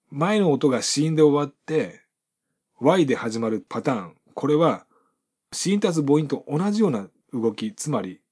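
Man with a husky, lively-pitched teaching voice. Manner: patient, repeats and demonstrates pronunciation examples. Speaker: author explaining his book. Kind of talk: explanatory lesson.

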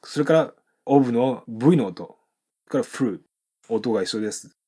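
A man teaching English pronunciation in an explanatory lesson, reading model sentences slowly and carefully between quick explanations with many fillers. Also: mid-range voice, lively intonation, mellow, breathy edge.

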